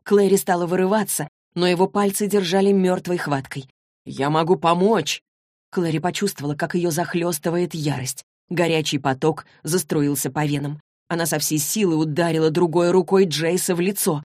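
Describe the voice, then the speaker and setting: A woman narrating an audiobook with a fairly low voice and a steady, even reading. The recording is dry and close, with no room sound. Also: dry recording. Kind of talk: scripted narration.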